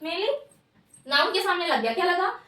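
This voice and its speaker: A woman's voice: very high-pitched, animated, normal speed, sharp tone, recorded from a distance. A woman teacher explaining English grammar in Hindi, who keeps asking questions and answering them herself. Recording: echoey room, voice off-mic.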